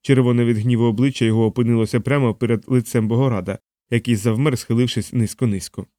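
A man narrates an audiobook in a steady, even storytelling manner, at a middle pitch for a man. The recording is dry and close, with no room echo. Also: fast. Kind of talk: scripted narration.

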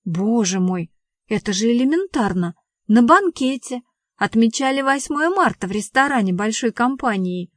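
Woman voicing a brash middle-aged man, rude, fairly high, dry. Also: lively intonation, moderate pace, no echo. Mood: smug. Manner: barks rude insults. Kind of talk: audiobook dialogue reading.

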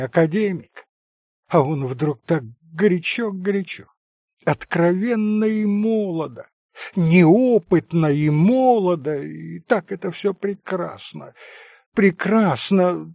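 A man voicing an excitable, fussy middle-aged society lady in an audiobook, talking in a gushing, breathless, theatrical way. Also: high-pitched, no echo, studio quality, voice pushed up, heavily acted. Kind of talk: audiobook character reading.

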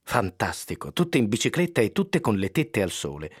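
Man, radio book reading, lively animated pitch, wry, dry close studio mic. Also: moderate pace, slightly rough, dry recording. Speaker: radio reader. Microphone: studio microphone.

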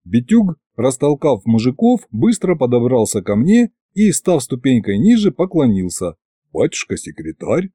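A male narrator reads a first-person fantasy tale in an audiobook, wry and expressive, with a lively rise and fall in his voice. His tone is mellow and dark, recorded close and dry. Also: medium pitch, normal speed, few pauses, dry recording.

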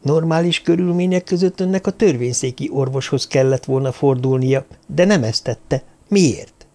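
A man voicing a composed, polite woman doctor in an audiobook, speaking in a persuasive, measured way. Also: mid-range voice, dark tone, lightly acted. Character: calm, poised woman doctor. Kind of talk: audiobook character voice.

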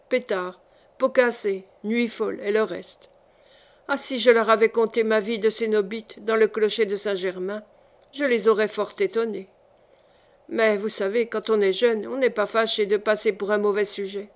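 A woman reading a classic novel aloud as an audiobook narrator, in a measured storytelling manner. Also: fairly high pitch. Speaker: audiobook reader.

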